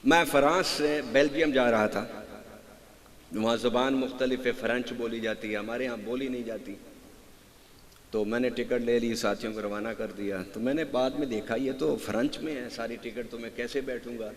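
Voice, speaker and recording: A man giving a religious sermon, telling stories to a congregation and quizzing them, moving from hushed asides to loud raised passages. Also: mid-range voice, fairly even intonation, big-room sound. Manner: tells anecdotes, swings from hushed asides to loud raised delivery, quizzes the audience. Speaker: preacher. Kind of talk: Urdu religious sermon with storytelling.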